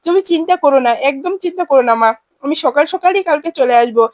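A woman's voice: high voice, fast, a little mellow, no echo, studio quality, close to an everyday voice. A woman doing a curt, tired young wife. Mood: reassuring.

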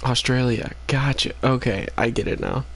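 With background noise behind him, a young man speaks in a mid-range voice at normal speed. He's tired, live-streaming a game late at night, and his casual chat with viewers is laid-back and rambling, packed with fillers as he reads chat aloud.

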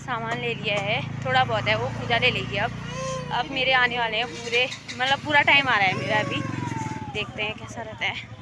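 A woman's voice: on the high side, normal speed. A woman, chatting and complaining to her viewers in a casual vlog. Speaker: vlogger. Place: outdoors in a market and streets. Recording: noisy street background.

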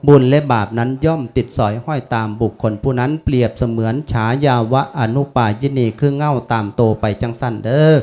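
Isan monk in his fifties, folksy and chatty at a funeral sermon, mid-pitched voice. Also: fairly quick, hardly any pauses, warm tone. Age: 50s. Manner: folksy, chatty teaching with Pali chanting.

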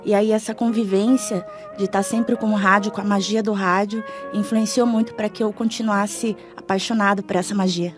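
Speaking at a normal speed with a steady tone and hardly any pauses, this Brazilian-accented, middle-aged woman has a mid-range voice. She's a radio interview guest talking casually and often ending with tag questions. Faint music plays in a small foam-lined studio as she speaks into a studio mic.

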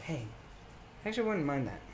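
A man's voice: on the high side, sing-song, fast talker, slight background noise. A young man streaming live, reading card names aloud as he opens packs and chatting casually with his viewers.

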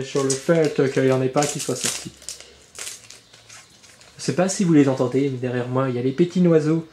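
A channel host opens trading card boxes in an indoor room with birds audible outside, his man's voice sitting on the high side with a dark tone and a roomy sound. His commentary is casual, chatty and rambling, with the occasional swear word.

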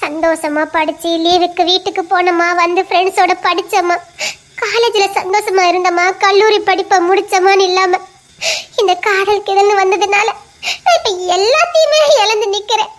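A woman's voice: extremely high pitch, little pitch movement, normal speed. A woman with a Tirunelveli Tamil accent playing a young female college student who laments her lost future through tears. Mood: despairing. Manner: tearful, lamenting. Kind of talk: audio drama acting.

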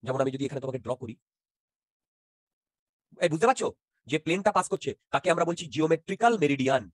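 A man's voice: a little high, animated, fast talker, no echo, clean studio sound. A man teaching physics in an interactive online class, often checking whether students follow and mixing in English terms.

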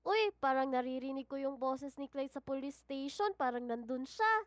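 A high, easily startled young friend in a hide-and-seek game, as a woman voices her. The sound is dry and close, with no room echo. She talks brightly. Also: expressive, moderate pace.

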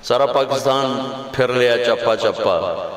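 Male preacher, chants and stretches lines, big echoey hall. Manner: impassioned, sweeping pitch, drawn-out chanted phrases. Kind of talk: sermon.

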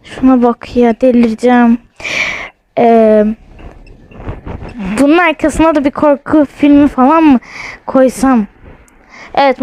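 Poor audio with no room sound captures a high, darkish female voice. The young woman is casually vlogging with her phone in her house as she plays a ghost-hunting app, nervous and jumpy, telling viewers again and again that she is scared.

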